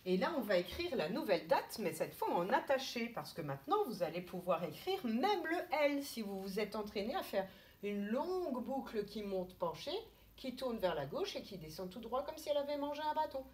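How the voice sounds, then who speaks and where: A woman, a kindergarten teacher giving a slow, step-by-step handwriting lesson to young children. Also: fairly high pitch, very animated. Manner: slow, step-by-step instructions, thinking aloud.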